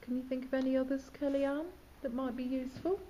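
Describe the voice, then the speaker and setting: A woman's voice: sits high, level tone, a little fast, dark tone, slight background noise. A woman teacher instructing students in diction, asking questions and demonstrating sounds. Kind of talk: questioning students and explaining exercises.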